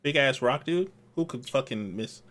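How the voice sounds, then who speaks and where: A man co-hosting a casual podcast, talking in a relaxed, drawn-out way with many pauses. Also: mid-range voice. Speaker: podcast co-host. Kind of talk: casual chat.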